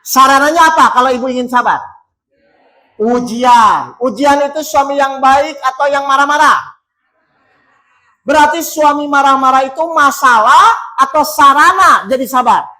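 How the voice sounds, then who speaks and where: Guy giving a mosque sermon, bright sharp voice, keeps asking the crowd questions, repeats stuff. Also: extremely high pitch. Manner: quizzes the congregation with repeated rhetorical questions; repeats phrases for emphasis. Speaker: preacher.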